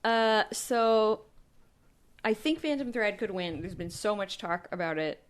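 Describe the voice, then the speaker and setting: A woman's voice: medium pitch, a little slow, clean tone. A woman in a casual movie chat who sounds tipsy and sleepy, talking loosely, giggling and hedging.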